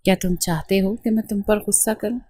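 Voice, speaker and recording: A woman voicing a gentle young wife newly in love, speaking with innocent softness in a storybook reading. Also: mid-range voice, husky, dry recording, natural voice.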